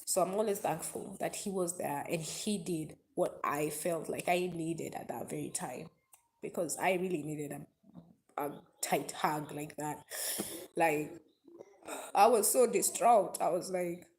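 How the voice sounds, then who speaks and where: A woman's voice: deep voice, unhurried, a little mellow. A woman chatting openly and emotionally on a live stream, answering viewers' comments. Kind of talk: casual confessional live chat.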